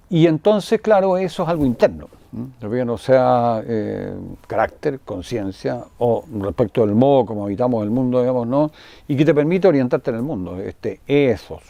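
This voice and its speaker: A man's voice: medium pitch, warm tone, no room sound. Older man lecturing on philosophy. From Chile. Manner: digressive, full of tag questions and fillers; clears throat now and then.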